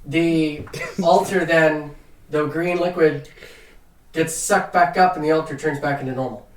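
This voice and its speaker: Halting higher-voiced man, roomy and distant. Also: fairly even intonation. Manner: halting, searching for words. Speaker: game master. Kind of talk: casual tabletop game narration.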